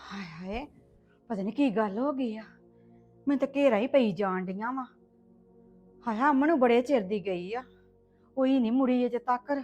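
A woman's voice: fairly high pitch, normal speed, long pauses, dull audio, faint music behind, lightly acted. An actress playing an anxious village mother, sighing and pleading as she comforts her crying daughter. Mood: worried. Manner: wailing sighs, pleading and comforting. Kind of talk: web series acting.

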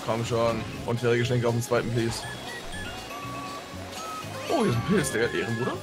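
A man chatting casually as a fellow player in a game, slangy and excitable. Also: mid-range voice, moderate pace, over loud music. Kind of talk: casual gaming chat.

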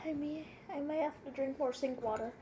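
Young woman vlogging at home, high voice, super dramatic and excitable, echoey room with noise behind. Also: fairly quick. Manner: excitable and dramatic, exclaiming and repeating herself. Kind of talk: casual mukbang vlog.

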